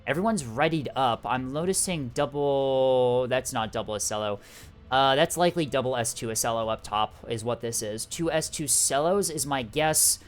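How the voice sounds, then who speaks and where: A man's voice: mid-range voice, moderate pace, faint music behind. A man giving live esports commentary on a strategy game tournament, chatty and full of fillers. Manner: chatty, filler-heavy play-by-play with frequent "uh" and "um". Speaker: tournament caster.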